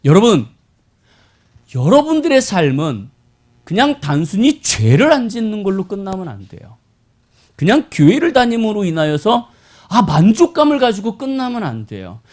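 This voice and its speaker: Animated male pastor preaching live. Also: high voice, normal speed. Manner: animated, conversational, asks the congregation rhetorical questions. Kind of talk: live Sunday sermon. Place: church worship service.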